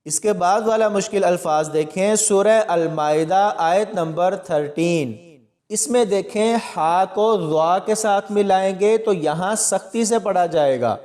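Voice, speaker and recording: High-voiced man teaching Quran recitation. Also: darkish tone, big-room sound. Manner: slow, drawn-out syllable-by-syllable recitation between explanations. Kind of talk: tajweed lesson, spelling out letters.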